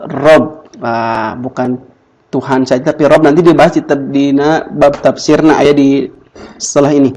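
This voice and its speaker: A man's voice: mid-range voice, steady tone, unhurried, darkish tone, highs cut off. A young man, teaching a class, drilling students with repeated questions. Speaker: Quran Arabic teacher. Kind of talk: classroom lesson.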